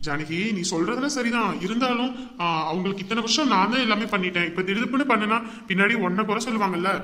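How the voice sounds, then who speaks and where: A meek young husband, played by a performer, mid-pitched and quick, hesitating before he gives in to his wife. The whole skit is played for comedy. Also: pushed and bright, lightly acted. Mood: hesitant. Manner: hesitant, yielding.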